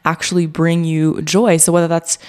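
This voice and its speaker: Lady podcast host chatting with a guest, earnest, lowish voice, acts out little quotes. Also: normal speed, clean tone. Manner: earnest, animated, quotes herself in a brighter voice. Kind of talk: conversational interview.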